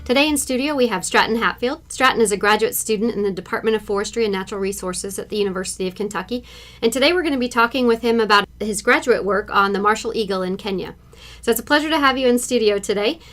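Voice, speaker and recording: A woman's voice: medium pitch, fast talker, fairly bright tone, soft background music. A woman co-hosting a podcast, introducing and questioning a guest in a studio in a friendly, encouraging way. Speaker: podcast co-host. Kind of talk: interview hosting. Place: radio studio.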